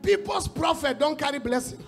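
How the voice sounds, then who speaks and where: A man preaching a sermon in English in a loud, sing-song, shouting delivery, pausing for his interpreter after each phrase. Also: very high voice, expressive, gravelly, soft background music.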